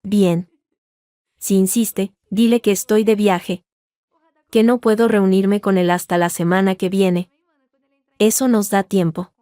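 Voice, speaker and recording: Woman voicing a male lawyer, calm, methodical, slow, dry close sound, storybook reading. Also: sits high, no room sound. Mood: earnest. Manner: measured, grave, instructive. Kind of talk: scripted narration.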